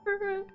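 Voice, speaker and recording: A young woman commenting on a game she plays, reading its text aloud and reacting with delight. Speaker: gaming channel host.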